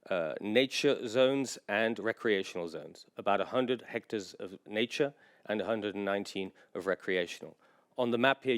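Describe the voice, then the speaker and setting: A man delivers a conference presentation in a low, smooth, resonant voice. He speaks in a measured, informative way. His sentences are broken up by frequent filler pauses. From England. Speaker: general manager giving a presentation.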